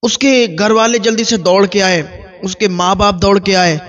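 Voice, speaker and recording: A man preaching with a high-pitched voice, building his story through repeated, list-like phrases. The recording is dull and lo-fi, with muffled highs. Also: fairly even intonation, a bit bright. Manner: repetitive, listing cadence. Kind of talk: storytelling sermon.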